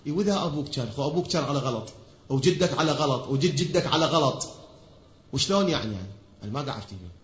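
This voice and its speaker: A man's voice: mid-range voice, lively intonation, rapid-fire. A man with an Iraqi Arabic accent preaching from a pulpit. He speaks emphatically, asking his listeners rhetorical questions and answering them himself. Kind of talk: pulpit sermon. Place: pulpit in a large hall. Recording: echoey hall, dull lo-fi sound.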